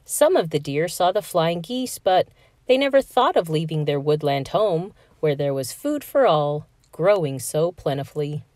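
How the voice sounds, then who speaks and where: Expressive woman reading a children's book. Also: low voice, normal speed, no room sound, clean studio sound. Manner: expressive, sing-song storytelling. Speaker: storyteller. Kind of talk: children's read-aloud.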